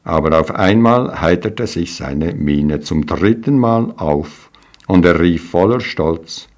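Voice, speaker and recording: A male storyteller reads a storybook aloud with calm, measured delivery. His voice is very deep. He takes his time over every line. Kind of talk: storybook reading.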